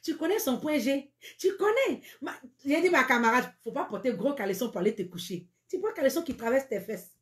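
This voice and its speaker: A woman's voice: high-pitched, expressive, brisk, few pauses, reverberant. A woman hosting a live-stream dating advice show, speaking frankly and teasingly, and repeating her catchphrases.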